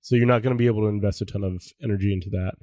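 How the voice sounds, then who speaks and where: A man co-hosting a podcast in casual chat, relaxed and agreeable, laughing easily. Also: fairly low pitch, very fast, dry recording. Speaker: podcast co-host.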